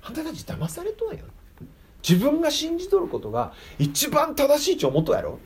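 A man voicing Jesus in a high, urgent, coaxing voice while retelling a scripture scene. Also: wildly swooping pitch, brisk, exaggerated voice. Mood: urgent pleading. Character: Jesus, earnest adult man pleading with listeners.

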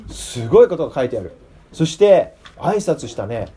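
A man's voice: medium pitch, very animated, normal speed, dark tone, breathy edge. A man with a Kitakyushu accent giving a playful children's sermon as pastor, often putting questions to his listeners. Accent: Kitakyushu Japanese.

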